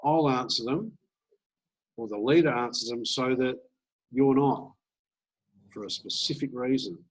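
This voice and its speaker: A man coaching a group on sales calls in a casual, animated training talk, acting out sample dialogue. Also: medium pitch, a little slow, slightly rough, poor audio. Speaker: business coach.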